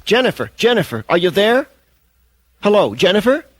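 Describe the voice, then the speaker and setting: A man doing brash radio host Wes, raised and lively. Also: a little high, no room sound, voice pushed up. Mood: agitated. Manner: upbeat on-air banter, quick to charm. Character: brash smooth-talking male radio talk host.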